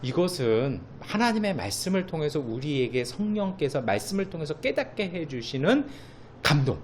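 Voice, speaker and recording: A middle-aged man preaching a sermon as a pastor, who acts out quoted voices in sudden loud, high bursts. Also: big pitch swings, normal speed, slight background noise.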